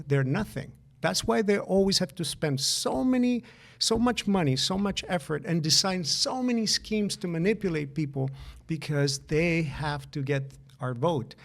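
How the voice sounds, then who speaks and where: A man's voice: on the high side, expressive, moderate pace, creaky. A middle-aged man from Chile co-hosting a podcast, talking earnestly and often checking in with "right?". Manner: earnest, repeats words when starting, asks "right?" often. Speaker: podcast co-host. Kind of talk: casual podcast conversation.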